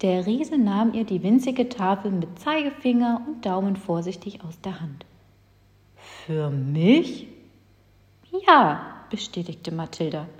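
A woman narrating a children's story in a calm, unhurried storytelling manner. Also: mid-range voice. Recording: long hall reverb.

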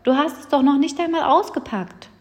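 A woman's voice: high voice, a little fast, a little mellow, pitched above the performer's own voice, lightly acted. A woman voicing an earnest young male helper who pleads his case in a children's story reading. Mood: pleading. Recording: long hall reverb.

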